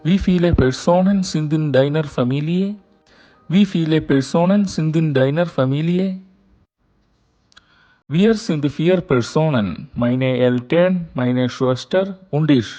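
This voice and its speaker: A man teaching a beginner German lesson, reading a short dialogue and saying every line twice, slowly and carefully, for learners. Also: a little high, mellow, dull audio. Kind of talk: slow repeated lesson dialogue.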